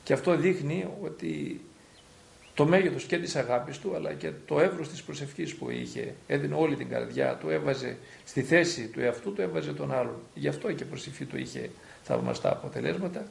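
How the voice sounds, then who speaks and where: A man's voice: fairly high pitch, animated, creaky. A man, a priest, earnestly recalling an elder in a documentary interview. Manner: earnest, reflective storytelling. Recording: roomy echo.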